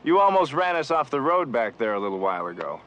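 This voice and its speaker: An actor playing a calm, decisive crew captain in a 1970s TV adventure drama, earnest and commanding. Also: male voice, mid-range voice, quick pace, dull audio, slight background noise. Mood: earnest, firm. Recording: loud music under dated TV soundtrack.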